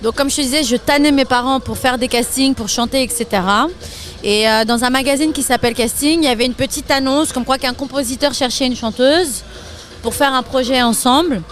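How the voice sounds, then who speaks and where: A young French woman talking casually about her career in an interview, chatty and quick to laugh. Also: sits high, faint music behind. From France. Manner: lively, laughs often, chatty with fillers. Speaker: interview guest, singer and DJ.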